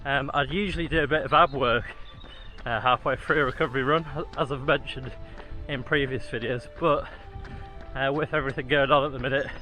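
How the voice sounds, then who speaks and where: Jogging outdoors, a man chats casually to his vlog viewers in a mid-range, steady voice that is fairly quick and sharp. The recording is rough, with faint music behind him.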